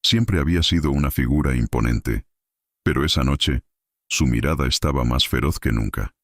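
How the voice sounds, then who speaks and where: A man narrating a horror story in a dramatic, measured storytelling manner. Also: very deep voice, dry recording, clean studio sound.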